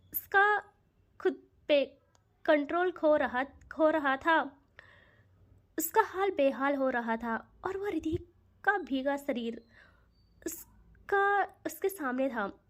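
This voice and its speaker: A woman telling a romantic love story aloud, with a high voice. She narrates softly, with emotion and dramatic flair. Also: expressive, takes it slowly.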